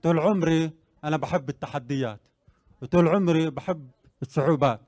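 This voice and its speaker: A man's voice: fairly high pitch, a little fast, darkish tone, no echo. Earnest young man, motivational testimony. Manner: earnest, rising to emphatic declarations. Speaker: interviewee sharing his story. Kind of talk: personal testimony and motivational speech.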